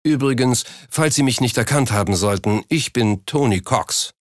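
A man's voice: medium pitch, expressive, normal speed, no room sound, studio quality, lightly acted. A man narrating an audiobook, voicing a brash, burly businessman in his late twenties who talks in a crude, smug, bullying way.

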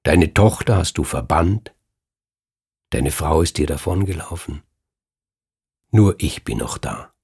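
A man's voice: a bass voice, expressive, takes it slowly, long pauses, a little mellow, husky, full character voice. A man voicing a spiteful, sad young woman in a fairy tale reading. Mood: cold.

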